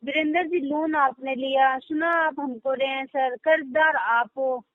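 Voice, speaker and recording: A woman works as a loan recovery caller over a tinny phone line, high-pitched and dry. She stays polite but firm and keeps calling the man "sir". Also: steady tone, a little slow, no room sound. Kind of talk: phone call.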